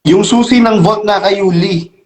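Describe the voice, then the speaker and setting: Isang lalaking host ng channel sa kaswal na kuwentuhan, masigla at minsan nanenermon. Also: male voice, sits high, normal speed. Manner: animated, scolding when addressing critics. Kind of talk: casual chat. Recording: echoey room.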